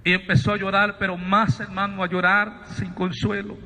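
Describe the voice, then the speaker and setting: A man's voice: high-pitched, little pitch movement, moderate pace, bright, forceful tone, long reverb tail, a little hiss or hum. A male evangelist preaching a fervent testimony sermon, telling his story and often addressing listeners as brothers.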